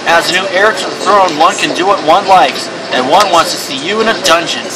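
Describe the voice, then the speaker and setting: A man's voice: sits high, a little fast, natural voice. A man voicing a haughty, vengeful royal prince in a video game, pompous and imperious. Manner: pompous, imperious, calls himself "one". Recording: clearly noisy background.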